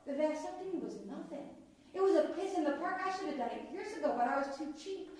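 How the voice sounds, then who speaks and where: A woman's voice: high-pitched, animated, quick pace, a little mellow, a little hiss or hum. A woman voicing a careless, crude stoner man who talks in a drawling slacker way, heard from some distance in an echoing room. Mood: slacker banter. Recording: echoey room heard from afar.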